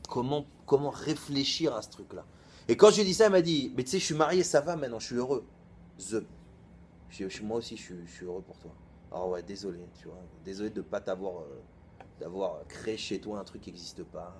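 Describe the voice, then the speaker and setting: A man in his thirties, a rabbi giving an informal storytelling sermon in a colloquial, lively way, acting out both sides of the conversations he recounts. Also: on the low side, a little fast, slight background noise.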